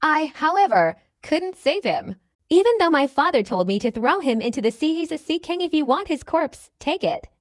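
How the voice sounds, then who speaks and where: A woman voicing a loyal, gruff male pirate ship doctor in an audiobook, with a lowered, blunt, muttering manner. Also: very animated, normal speed, dry recording, clean studio sound. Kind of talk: audiobook character voice.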